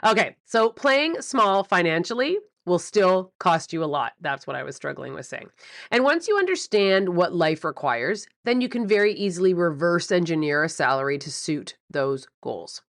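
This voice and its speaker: Lady podcast host giving business advice, lowish voice, punchy and emphatic, super dry close mic. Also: normal speed, no room sound. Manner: animated, emphatic, repeats key words for stress. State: morning voice before coffee. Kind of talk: solo podcast coaching talk.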